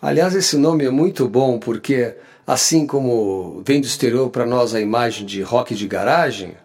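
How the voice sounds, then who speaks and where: A man's voice: mid-range voice, lively intonation, moderate pace, darkish tone. A man from southern Brazil hosting a radio music show, presenting songs in an explanatory, announcer-like way.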